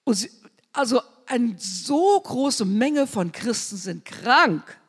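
Husky fervent woman preaching in a hall. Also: fairly high pitch, sing-song, slow. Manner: fervent, swinging between loud declarations and hushed asides. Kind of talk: sermon. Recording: long hall reverb.

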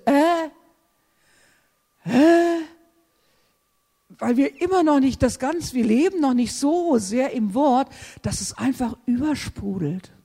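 Fervent husky woman preaching, echoing hall. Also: sits high. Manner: fervent, swings between loud exclamations and hushed whispers. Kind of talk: charismatic sermon. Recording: long hall reverb.

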